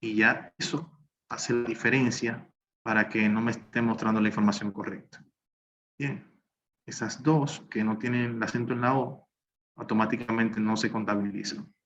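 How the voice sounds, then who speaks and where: A man's voice: fairly low pitch, steady tone, normal speed, fairly bright tone. A man teaching a recorded spreadsheet class, talking through each step as he works on the screen. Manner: talks through steps while working on screen. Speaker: instructor. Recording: slightly dull lo-fi recording with faint noise.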